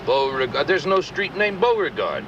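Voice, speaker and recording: An older actor playing a calm ninja master who talks in a dry, laconic way. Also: male voice, fairly high pitch, normal speed, noisy background. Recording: dull lo-fi TV audio.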